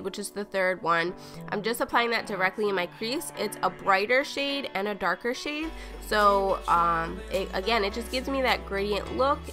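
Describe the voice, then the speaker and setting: Woman, beauty vlogger, a bit out of breath, chatty step-by-step narration, clear tone. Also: medium pitch. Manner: chatty, narrating each step as she works. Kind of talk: casual makeup tutorial.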